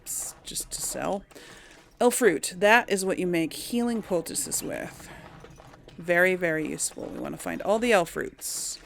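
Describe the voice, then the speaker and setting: With a mid-range voice and some vocal fry, a woman runs a casual let's play. As host of the playthrough series, she talks loosely to viewers and voices her thoughts as she goes.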